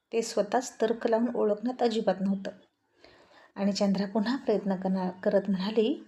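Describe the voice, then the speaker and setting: A woman narrating a serialized village romance story in an expressive, flowing way. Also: medium pitch.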